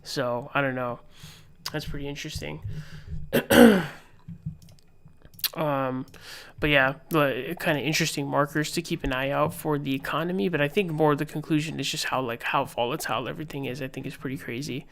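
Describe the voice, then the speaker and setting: Rambling young man with a gravelly voice. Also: fairly high pitch, moderate pace, fairly bright tone. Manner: rambling, filler-heavy, reads tweets aloud. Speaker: political commentary streamer. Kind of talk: casual live-stream commentary.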